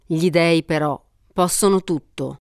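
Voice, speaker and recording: A woman reads an ancient epic aloud, measured and steady. Her voice sits a little low, and the recording is dry and close. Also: clean tone, dry recording. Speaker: narrator. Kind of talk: reading an epic poem aloud.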